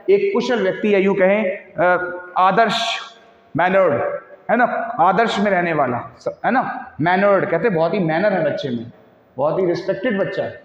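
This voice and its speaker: A man with an Indian accent teaching exam vocabulary in an instructional tone, spelling words out letter by letter and calling his students dear children. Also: high voice. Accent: Indian English. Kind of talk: exam-prep vocabulary lesson. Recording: echoey roomy reverb, dull lo-fi sound.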